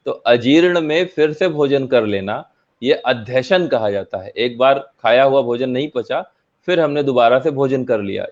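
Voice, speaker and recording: Male Ayurvedic guest, calm explainer, dull lo-fi recording. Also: mid-range voice. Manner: calm, methodical, repeats key terms. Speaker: Ayurvedic practitioner, panel guest. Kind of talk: explanatory panel answer. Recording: slightly dull lo-fi audio.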